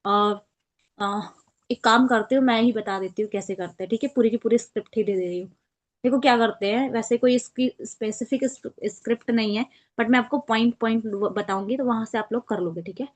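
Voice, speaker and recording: A woman's voice: a little high, brisk. A woman teaching an online training class on a video call, explaining step by step and acting out sample phone calls.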